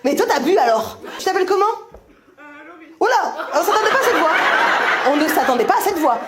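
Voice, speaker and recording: A woman's voice: extremely high pitch, big pitch swings, brisk. A woman stand-up comedian doing teasing, laughing crowd work with her audience on stage. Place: comedy venue with a live audience. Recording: echoey live room, audience noise.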